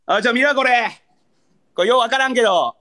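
A man's voice: very high-pitched, fast, pushed and bright. A young man with a Kansai accent, a livestreamer bantering in mock anger and pleading with viewers for gifts. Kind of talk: live-stream battle banter.

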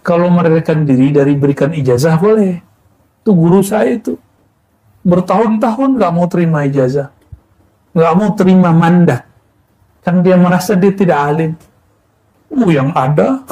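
A man in his thirties from West Sumatra, preaching calmly to students with rhetorical questions and a frequent "ya". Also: on the high side, rough recording. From West Sumatra, Indonesia. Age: 30s. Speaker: Islamic preacher. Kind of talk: sermon to students.

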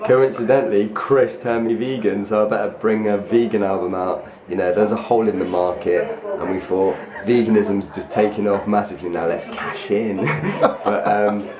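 A man with a hoarse, lost voice, answering interview questions in a jokey, rambling way with laughter. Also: on the low side, fairly even intonation, moderate pace, hardly any pauses, reverberant, crowd noise. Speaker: band frontman interviewed.

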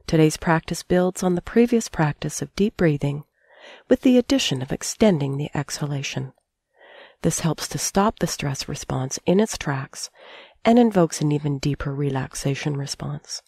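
Here a meditation teacher's low, mellow voice, slightly rough and touched with vocal fry, leads a sleep session. She stays calm and soothing, pacing her phrases carefully around long pauses, and the close, dry recording carries no room sound.

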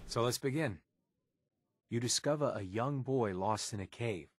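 A deadpan test proctor reading questions, dry no room sound. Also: male voice, mid-range voice, takes it slowly, no room sound. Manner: flat, matter-of-fact questioning.

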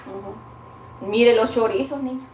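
High-voiced woman chatting in her kitchen. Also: takes it slowly, a little mellow, roomy sound, a little hiss or hum. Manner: chatty, rambling, calls the viewer "niña" and "hija linda". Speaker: cooking vlogger. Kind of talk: casual chat while cooking. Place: home kitchen, indoors.

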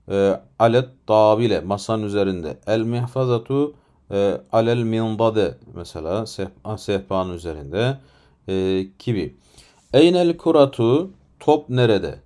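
A man's voice: fairly low pitch, warm tone. A man with a Turkish accent teaching an Arabic lesson, explaining patiently step by step with rhetorical questions and frequent fillers.

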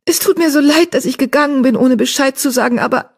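A woman's voice: high-pitched, quick pace, vocal fry, pitched above the performer's own voice. A woman voicing a spirited young female apprentice cat in an audiobook, speaking in an urgent, heated tone. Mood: remorseful.

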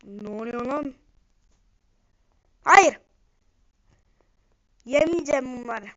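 A woman streamer giving live gameplay commentary, excitable and swinging between low mutters and sudden outbursts. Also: unhurried, dry recording. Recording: muffled lo-fi screen recording.

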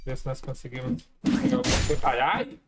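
Expressive and fairly quick, a mid-range male voice delivers casual let's-play commentary over heavy background noise. The streamer chats with viewers about his own gameplay, exclaiming frequently.

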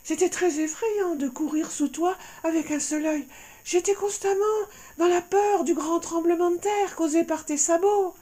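A man voicing a small, timid but brave female mouse in a soft, high, trembling voice for a storybook. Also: moderate pace. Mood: grateful. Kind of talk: storybook character voice.

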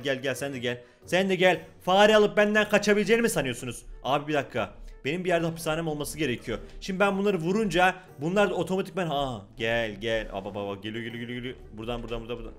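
Rowdy, fast-talking young man gaming. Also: fairly high pitch, a bit bright. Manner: rowdy, mock-threatening banter with game characters. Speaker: gaming YouTuber. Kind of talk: playing a game on camera.

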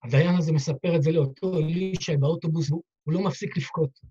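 A man's voice: on the high side, steady tone, mellow, breathy edge. A man, a rabbi, telling a heartfelt story in a dramatic sermon style, acting out the dialogue. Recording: dull lo-fi recording.

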